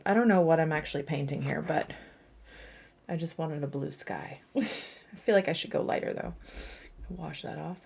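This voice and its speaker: Chatty woman painting, slightly low voice. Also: creaky, darkish tone. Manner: chatty, self-mocking, thinking aloud with laughs. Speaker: watercolour artist. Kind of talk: casual painting narration.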